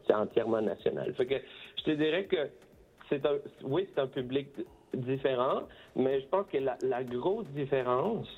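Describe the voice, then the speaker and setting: A man's voice: mid-range voice, lively intonation, normal speed, breathy edge, lo-fi sound. A man who grew up in Costa Rica, a band member giving a casual radio interview, hesitant, with many restarts, moving between French and Spanish.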